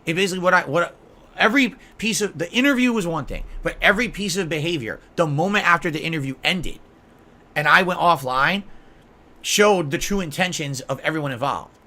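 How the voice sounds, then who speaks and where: A man's voice: a little high, animated, a little fast, bright, forceful tone. A man livestreamer on an unscripted, agitated and indignant rant to his viewers, swearing heavily.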